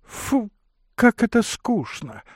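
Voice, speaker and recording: A man's voice: high-pitched, sing-song, slow, slightly rough, no room sound, clean studio sound, pitched above the performer's own voice, full character voice. An impatient wife, as a male reader puts her on. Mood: irritated. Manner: sharp, impatient interrupting. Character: irritable wife of the old man. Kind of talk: audiobook character voice.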